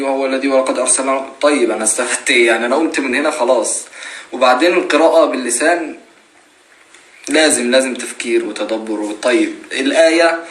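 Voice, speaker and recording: This live-stream speaker is a man in his twenties with an Egyptian Arabic accent, sharing sincere religious advice in a casual way and asking rhetorical questions. His voice is medium-pitched and fairly bright, picked up with room echo and faint noise.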